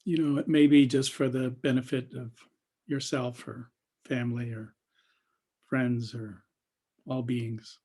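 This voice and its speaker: A man with a husky, warm, mid-range voice and a level tone leads an unscripted guided meditation as a teacher. He speaks haltingly, with long pauses and trailing phrases.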